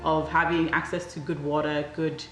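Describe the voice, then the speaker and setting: A young woman speaks in an earnest, measured way, often pausing on ums. Her voice sits low, and the recording is roomy with loud background music running underneath. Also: little pitch movement. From Nigeria. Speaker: interviewee. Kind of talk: documentary interview.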